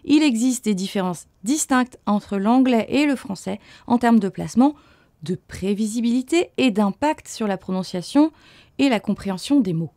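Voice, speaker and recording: Woman teaching in a lively voice. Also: a little high, normal speed, no room sound, studio quality. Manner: clear, didactic, reads English example words aloud. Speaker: language teacher. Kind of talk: scripted lesson narration.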